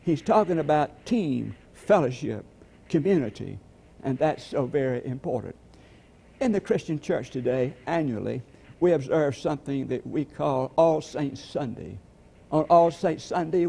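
A man delivers a sermon, slowing down to repeat key phrases for emphasis. His voice is gravelly and dark, with a husky edge. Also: medium pitch. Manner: preaching with slow emphatic repetitions. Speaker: pastor.

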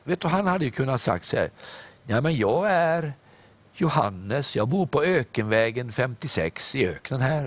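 A man's voice: medium pitch, husky. A man preaching a sermon, reading scripture aloud and acting out its dialogue, with some "eh"s and repeated words. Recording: broadcast program.

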